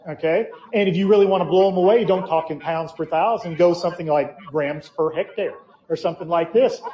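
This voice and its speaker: Man lecturing, somewhat high, muffled echo. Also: darkish tone. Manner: joking, informal lecturing. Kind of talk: conference talk. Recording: echoey, dull hall sound.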